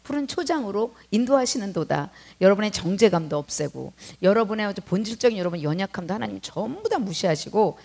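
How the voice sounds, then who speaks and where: A middle-aged woman leads a sermon in a loose, conversational way. Her voice rises and falls widely as she talks, and she keeps turning to the congregation with quick checks for agreement. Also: mid-range voice, vocal fry. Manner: colloquial and animated, peppered with tag questions to the congregation. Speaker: mission leader and preacher.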